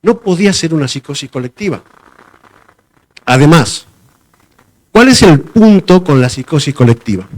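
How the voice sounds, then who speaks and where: Man, preacher, sermon, somewhat high voice, conversational, repeats phrases. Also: animated, moderate pace, long pauses.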